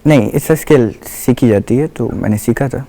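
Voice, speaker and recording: A man's voice: medium pitch, creaky, warm tone. Young man giving short, hesitant answers. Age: young adult. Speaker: student guest. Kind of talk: talk show interview. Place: TV studio.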